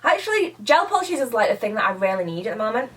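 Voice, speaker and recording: Very animated and fast-talking, a young beauty YouTuber chats through a nail tutorial from her bedroom set, bubbly and prone to restarting mid-sentence. Her fairly high, fairly bright voice is slightly rough, and she has a slight sniffly cold.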